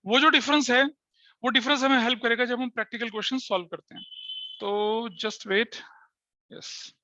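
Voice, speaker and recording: A male teacher lecturing a class with a bright, forceful voice. He checks often that the students are following. The recording is dry and slightly dull. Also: very high-pitched, fast, dry recording. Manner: explains step by step with frequent checking questions to students; mixes Hindi with English terms.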